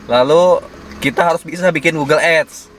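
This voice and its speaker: A man's voice: on the high side, normal speed, a bit bright, a little hiss or hum. A young man coaching his sales team in a casual group session, chatty and confident, leaning on words with a bouncy intonation.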